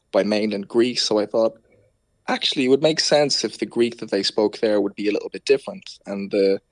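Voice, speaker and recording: An Irish man with a Dublin accent, speaking as an author in an interview, explains things conversationally and often rewords himself. His voice is lowish, with no room sound.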